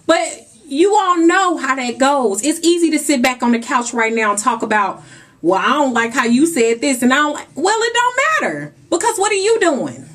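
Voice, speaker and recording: A young woman with a notably high voice talks straight to camera in an emphatic, preachy way. She urges her viewers on and calls them "guys" and "y'all". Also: normal speed, fairly bright tone. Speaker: vlogger. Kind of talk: motivational talk to camera.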